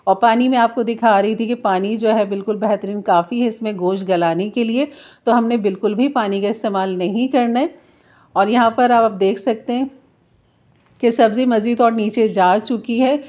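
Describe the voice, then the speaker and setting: A woman talks through a home cooking tutorial. Her voice is mellow and warm, and she takes time to explain why each step is done, patiently and clearly. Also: a little high, fairly even intonation, normal speed. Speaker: home cook, channel host.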